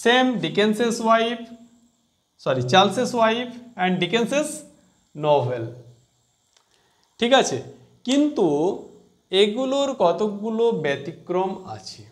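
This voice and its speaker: Male teacher with a high voice, patient and repetitive, checks his students with questions. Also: big pitch swings, measured pace, pauses often. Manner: explains step by step, repeats key terms and quizzes students. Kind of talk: grammar lesson.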